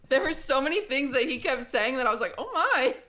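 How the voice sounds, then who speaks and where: A woman's voice: high-pitched, sharp tone. Chatty laughing woman streamer. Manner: laughs often, chatty gossip. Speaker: streamer co-host. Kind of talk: casual chat on a group stream.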